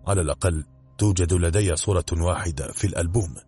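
A man's voice: low voice, fast talker, a little mellow, husky, soft background music. A man voicing a composed, short-sighted older woman in a mystery audiobook. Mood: calm.

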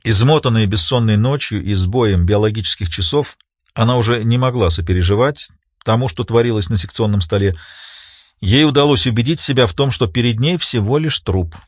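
Husky male audiobook narrator. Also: on the low side, brisk, no echo, studio quality.

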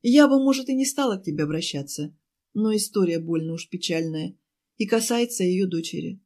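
A woman voicing a chatty, fussing woman who runs a cafe, pleading and talking fast in an audiobook. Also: on the low side, expressive, a little mellow. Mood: fussy, pleading. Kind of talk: audiobook character voice.

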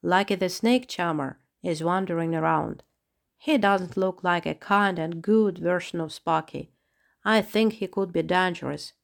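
A woman voicing an excitable male chipmunk detective in a children's audiobook, talking eagerly. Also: on the low side, a little slow, vocal fry. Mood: earnest.

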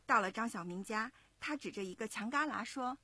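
A woman in her thirties, a mother, narrating a children's story in an expressive, measured way. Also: on the high side, breathy edge, no room sound. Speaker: parent storyteller.

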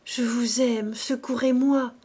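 A woman's voice: medium pitch, unhurried, warm tone, breathy edge. A woman voicing a desperate woman confessing her love, with a pleading, trembling delivery that sometimes drops to a whisper.

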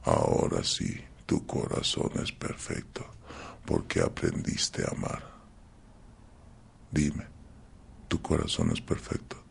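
Guy doing an old wise man, super deep and crackly, slow and solemn, storybook telling. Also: very animated, gravelly, slightly rough, heavily acted. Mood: tender.

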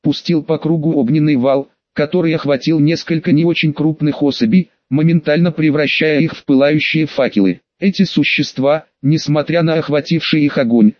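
A man narrating a first-person audiobook in a steady, measured reading voice, recorded close to the mic. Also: a little high, dry recording, lo-fi sound.

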